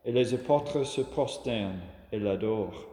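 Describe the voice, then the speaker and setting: A man from Australia giving a calm, measured homily on the gospel. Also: on the low side. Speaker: preacher. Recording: echoey room with long reverb.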